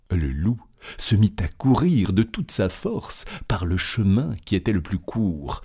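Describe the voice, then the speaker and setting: A man reading a classic fairy tale aloud with slow, expressive storytelling. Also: fairly low pitch.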